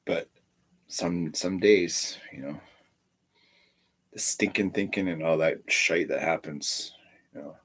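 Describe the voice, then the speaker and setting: A man's voice: sits low, takes it slowly, long pauses, fairly bright tone. A man with a stuffy nose chatting casually on a live stream, rambling and repeating his words.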